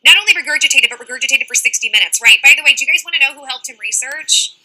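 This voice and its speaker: A young woman talks through a casual livestream, reading out comments from her chat and answering each one directly. Her voice sits high and sounds very bright and forward. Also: animated, low-quality recording. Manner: fast-talking, reads out chat comments and answers them directly.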